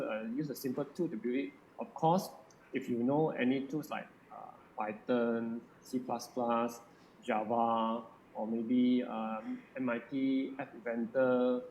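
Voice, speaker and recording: Malaysian male workshop instructor, English mixed with Malay, halting delivery, echoey room with faint noise. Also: medium pitch, a little mellow. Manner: switching between English and Malay. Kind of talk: informal live lesson.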